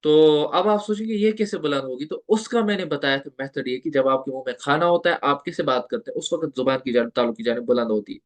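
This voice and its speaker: Patient man teaching recitation, higher voice. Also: fast talker, hardly any pauses. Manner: patient, repeats points and asks the listener questions; draws out letter sounds for demonstration. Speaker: Tajweed teacher. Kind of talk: online lecture.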